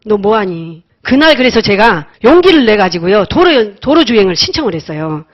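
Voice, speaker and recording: A middle-aged woman telling a personal success story at a meeting, lively and acting out the dialogue with laughter. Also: fairly high pitch. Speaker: speaker at a sales meeting. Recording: dull lo-fi audio.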